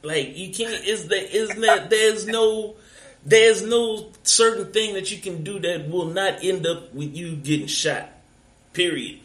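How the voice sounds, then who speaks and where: A man in a casual group discussion, talking haltingly and repeating words as he works through his thoughts. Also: sits high, a bit bright, roomy sound, poor audio.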